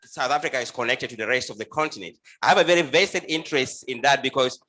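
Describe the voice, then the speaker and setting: Leading a panel discussion, a Ugandan moderator speaks fast in a bright, forceful voice of medium pitch. When passing the floor to the next speaker, he stumbles and repeats words.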